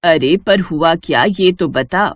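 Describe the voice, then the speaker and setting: A woman's voice: deep voice, slow pace, no room sound, voice pushed down. A woman voicing a caring older village mother in a cartoon story, scolding her sons with affection. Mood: fussing.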